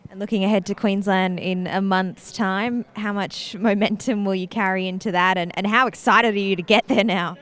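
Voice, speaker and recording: A woman interviewing race drivers after a race, upbeat and quick with her questions. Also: medium pitch, steady tone, a bit bright. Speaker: pit lane interviewer.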